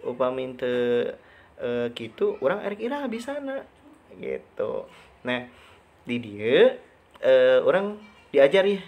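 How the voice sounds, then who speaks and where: Male teacher quizzing himself aloud. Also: fairly high pitch. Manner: asks rhetorical questions and answers them himself; stretches key words and repeats them for emphasis. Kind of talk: recorded online lesson over slides.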